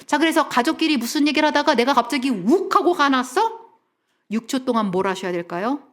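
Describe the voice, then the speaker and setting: Animated woman counselor giving a church talk. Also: high-pitched, a little fast. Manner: animated, has the audience repeat after her; drops to soft whispers for emphasis. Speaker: family counselor, guest speaker.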